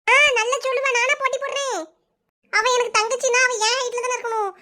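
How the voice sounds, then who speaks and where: Shrill jealous big sister, cartoon, southern Tamil Nadu accent, voiced by a woman. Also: fairly even intonation, a little fast, sharp tone. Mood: whiny. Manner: shrill, complaining, sulky. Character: whiny jealous teen older sister. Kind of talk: cartoon voice acting.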